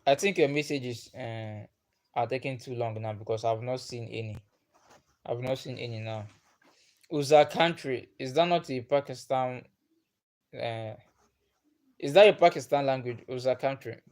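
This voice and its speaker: A man with a mid-range, somewhat dark voice hosts a casual livestream, reading out comments at a normal speed with frequent pauses. His first language is Igbo, and he comes across as patient, often repeating himself and chuckling.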